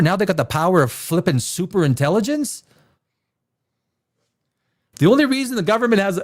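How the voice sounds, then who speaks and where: A man in his fifties hosting a live stream, talking in a rambling, opinionated way with many restarts while reading viewer comments. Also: high voice. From born in Czechoslovakia, raised elsewhere. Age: 50s. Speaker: live show host reading chat.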